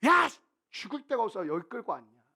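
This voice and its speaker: Pastor, man, voicing angry Israelite crowd, rough accusing shouts. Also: sits high, huge pitch swings, fairly quick, heavily acted.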